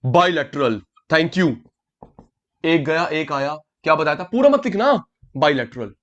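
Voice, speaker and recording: A man's voice: on the high side, expressive, a little slow, a bit bright, muffled recording. A man teaching an online class, calling on students by name, repeating key words and mixing English terms into his talk. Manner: mixes English terms into Hindi.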